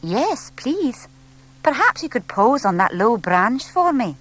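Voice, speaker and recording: A woman's voice: on the high side, slow pace, dry recording, voice pushed up, full character voice. A woman voicing a friendly young lady artist who explains things patiently and enthusiastically in a children's audiobook. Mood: eager. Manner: animated, explaining gently to a small child.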